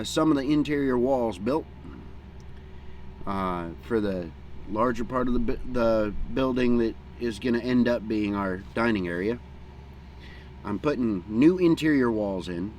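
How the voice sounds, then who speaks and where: A middle-aged American man chatting casually and unhurriedly outdoors in a folksy, plain-spoken way, with a pipe in his mouth between puffs. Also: mid-range voice. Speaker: vlogger. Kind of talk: casual rambling outdoor chat. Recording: clear background noise, outdoor hum.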